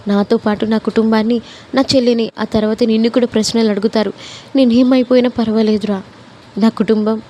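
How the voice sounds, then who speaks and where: A woman's voice: on the high side, warm tone, a little hiss or hum, natural voice. A woman voicing a grieving young widow who firmly turns away the man she loves. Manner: firm, sorrowful. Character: grieving young widow refusing her lover.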